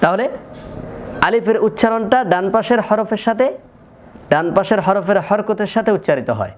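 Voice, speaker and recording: A man with a high, light voice gives a slow, methodical recitation lesson. He repeats each sample sound patiently to demonstrate it. A faint hiss sits under the recording. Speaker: Quran recitation teacher.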